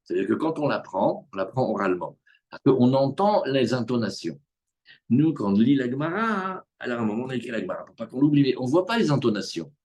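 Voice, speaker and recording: A man leads a Talmud class with a slightly husky, breathy voice. His pitch rises and falls in wide, animated swings, and he slips into the characters' lines to make his point. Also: quick pace. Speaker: rabbi teaching Talmud. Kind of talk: lively Talmud class to students. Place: live class with students in the room.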